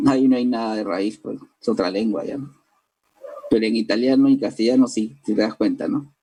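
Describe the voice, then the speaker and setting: A brisk, mellow, slightly rough male voice on the low side, captured in poor audio, belongs to a language teacher with a Peruvian Spanish accent. He lectures his class in an explanatory way, checking in with "¿no?" and talking to students directly.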